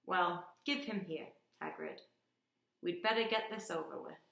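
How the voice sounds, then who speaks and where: Woman doing a calm old wizard headmaster. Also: fairly low pitch, a little slow, echoey room.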